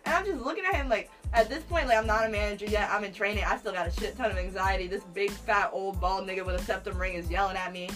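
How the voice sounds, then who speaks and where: A woman's voice: medium pitch, fast talker, hardly any pauses, a bit bright, distant mic, faint music behind. A young woman telling a blunt, profane workplace story in casual chat. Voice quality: laughs a lot, blunt and profane.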